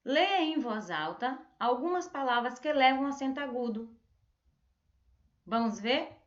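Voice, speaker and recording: Brazilian teacher in an echoey room. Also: female voice, sits high, expressive. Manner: slow, drawn-out word modelling with stressed syllables. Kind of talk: remote classroom lesson. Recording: echoey room, dull lo-fi sound.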